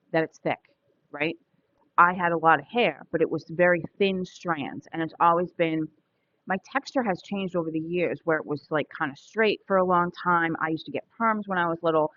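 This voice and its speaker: A woman's voice: low-pitched, lo-fi sound, a little hiss or hum. A woman in her forties talking candidly in a casual personal vlog, chatty and prone to restarting her sentences. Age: 40s. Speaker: vlogger.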